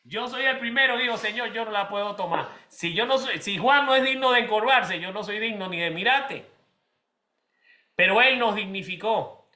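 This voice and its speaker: A male pastor delivers a conversational sermon in an echoey church room, talking straight to the people in front of him. His voice sits high for a man and rings very bright. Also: normal speed. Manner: conversational preaching, addresses congregation by name.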